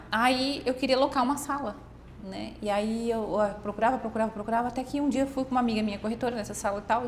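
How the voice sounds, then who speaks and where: Animated woman with a high voice. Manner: animated storyteller, quotes others often. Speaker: guest. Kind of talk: casual testimony in a faith conversation. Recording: faint background noise.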